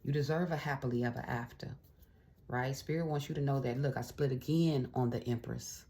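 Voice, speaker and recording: This woman reads tarot directly to the camera with a warm bass voice, a steady tone, and a slightly quick pace. Her delivery is conversational and encouraging, full of little fillers and check-ins, with a spiritual, uplifting pep-talk energy.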